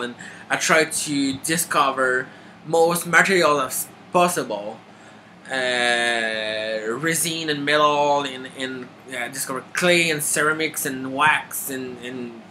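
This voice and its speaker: A Quebec man in his thirties, a makeup artist auditioning, introduces himself casually to camera in a bright, crisp, slightly high voice. His delivery is halting and stop-start, with many restarts and fillers, over a faint background hiss.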